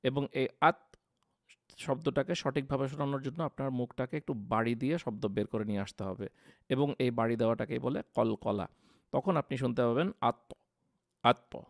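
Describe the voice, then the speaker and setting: Gravelly-voiced man teaching Quran pronunciation. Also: medium pitch, no echo, clean studio sound. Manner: slow, drawn-out demonstrations of Arabic letters; patient, explanatory. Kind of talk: tajweed lesson.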